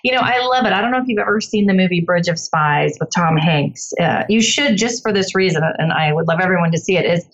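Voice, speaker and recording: A middle-aged woman guesting on a casual podcast, telling stories animatedly and jumping up in pitch when she quotes people. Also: fast talker, few pauses, dull audio.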